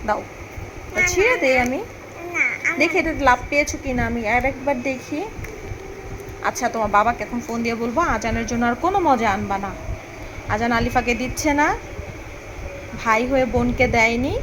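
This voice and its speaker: A woman's voice: a little high, a little fast, long pauses. A young Bangladeshi mother filming a family vlog at home, sweet-talking and pleading with her small children. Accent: Bangladeshi Bengali. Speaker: vlogger mother. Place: home, indoors. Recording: noisy home phone recording.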